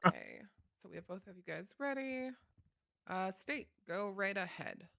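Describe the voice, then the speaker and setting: A woman's voice: mid-range voice, expressive, normal speed, vocal fry, a bit bright, no echo, studio quality. A woman playing a judge in an online courtroom role-play, casual but commanding as she keeps order.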